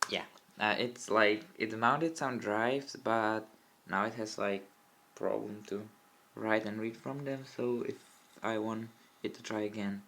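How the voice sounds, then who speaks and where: This young man's voice is fairly low and a bit bright, unhurried, with fairly even intonation and a Czech accent from his first language. A tech hobbyist from the Czech Republic, he demonstrates a computer install casually, rambling, self-correcting, and muttering asides to the camera at an indoor desk by a window. The old smartphone camera mic yields a lo-fi recording with faint room noise.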